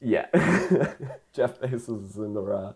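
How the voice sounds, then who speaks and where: A man's voice: mid-range voice, expressive, slow, a crowd in the background. A man co-hosting a casual podcast chat, teasing and playful, laughing often. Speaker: podcast co-host.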